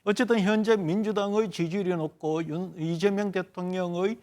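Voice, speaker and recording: A man with a somewhat high voice, taking part in a televised current-affairs panel as a pollster. He lays out survey numbers in long, measured, analytical explanations. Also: fairly even intonation, dark tone. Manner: analytical, explains figures at length.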